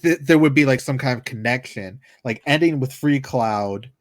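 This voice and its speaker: A man's voice: mid-range voice, dry recording, clean studio sound. Man asking puzzled questions. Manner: puzzled questions, quick reactions. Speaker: podcast co-host. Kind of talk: casual chat.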